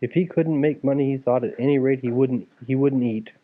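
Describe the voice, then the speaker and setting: This man narrates a children's fairy tale with animated energy, his mid-range voice moving briskly. The recording is thin and tinny, like it's coming through a phone.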